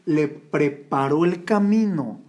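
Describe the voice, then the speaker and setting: A man's voice: a little high, takes it slowly, darkish tone. A man preaching a sermon, emphatic and addressing the congregation as his brothers. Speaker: pastor.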